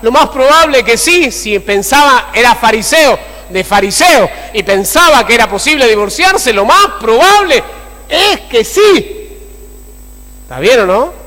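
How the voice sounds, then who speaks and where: A man preaching a sermon as pastor, animated and repeatedly asking the congregation for agreement. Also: very high voice, moderate pace. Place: church. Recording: long church-hall reverb.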